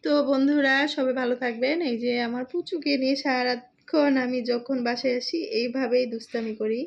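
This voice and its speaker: High-voiced woman vlogging at home. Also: fairly even intonation, normal speed, gravelly. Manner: coos and scolds in a high baby-talk tone. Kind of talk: casual home vlog talking to viewers and a pet. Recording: dull lo-fi home recording.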